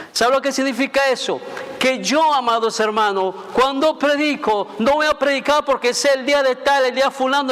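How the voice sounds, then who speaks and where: A man preaching a sermon as pastor in a church sanctuary, emphatic and deliberate, repeating phrases to drive points home. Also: very high-pitched, fairly bright tone. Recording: long reverb of a church hall.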